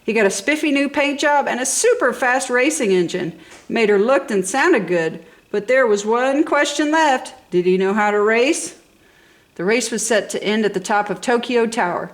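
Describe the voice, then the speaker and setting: Speaking at normal speed in a slightly high voice with lively intonation, a woman reads a storybook to children. Her narration is enthusiastic and full of dramatic flair.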